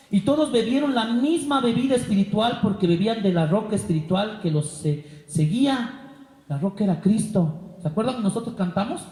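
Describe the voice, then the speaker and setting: A man's voice: sits high, darkish tone. A male pastor from Bolivia, preaching with a Bolivian accent, who acts out the voices of the people in his Bible stories and asks his listeners questions. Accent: Bolivian Spanish. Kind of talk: sermon. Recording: echoey hall.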